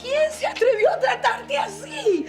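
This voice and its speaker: A woman's voice: very high-pitched, very animated, measured pace, faint music behind, heavily acted. A woman voicing an anxious, loving mother who frets tearfully over her hurt daughter in a fan telenovela dub. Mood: frantic. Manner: frantic, tearful.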